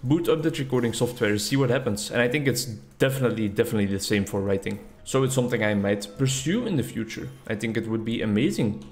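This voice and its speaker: The young native Dutch speaker, from the Netherlands or Flanders, chats over his gameplay as a YouTuber, rambling, reflecting, and making fun of himself. He's animated and fast-talking with few pauses, in a mid-range voice.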